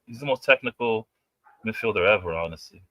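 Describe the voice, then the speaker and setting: A man's voice: on the low side, animated, brisk, a bit bright, no echo, rough recording. A man in his late twenties, arguing football in casual chat, emphatic and repetitive, calling people bro. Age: 20s. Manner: emphatic, repeats himself, says bro a lot. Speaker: podcast co-host.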